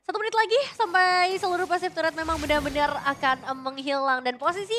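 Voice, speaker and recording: A woman's voice: very high-pitched, fast, pushed and bright, a little hiss or hum. A woman with an Indonesian accent commentating as an esports caster in a conversational way. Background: music.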